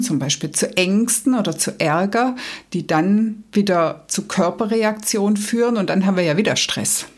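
A woman talks through a solo coaching podcast. Her voice sits somewhat low, and she explains things calmly and patiently, speaking directly to the listener. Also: breathy edge.

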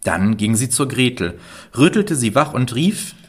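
A man reading a fairy tale aloud in a calm, measured storytelling manner. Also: medium pitch, breathy edge.

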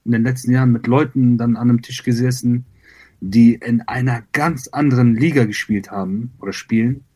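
A man from Iran with a husky, slightly breathy voice, answering interview questions. He talks in a halting, reflective way, circling back with fillers and repeated words. His voice sometimes drifts a little away from the mic. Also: medium pitch, steady tone, dark tone. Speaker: rapper, interview guest. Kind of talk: conversational interview.

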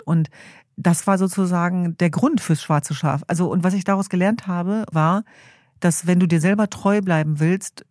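Middle-aged woman, interview guest; earnest storyteller, warm dark timbre. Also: on the low side, dry recording, clean studio sound. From Germany. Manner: earnest, storytelling, acts out quoted family voices. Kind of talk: reflective interview talk.

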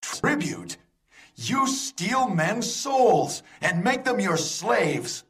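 Hammy, righteous, defiant monster hunter. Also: male voice, high voice, sing-song, drawn-out words, fairly bright tone, heavily acted. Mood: righteous outrage. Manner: hammy, declamatory theatrical delivery. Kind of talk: video game cutscene acting.

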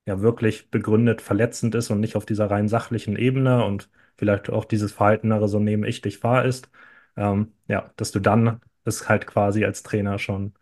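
A man speaking as a podcast guest, talking in a measured, thoughtful way. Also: lowish voice, little pitch movement, darkish tone. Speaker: guest, youth football coach and sports teacher. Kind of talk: conversational interview.

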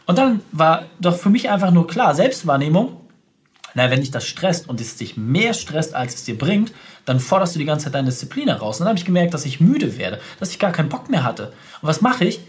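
Male consultant guest, rapid and emphatic, speaks straight to the listener, voice a touch high. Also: sing-song. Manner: emphatic, direct, peppered with "ja" and "so". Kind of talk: podcast interview.

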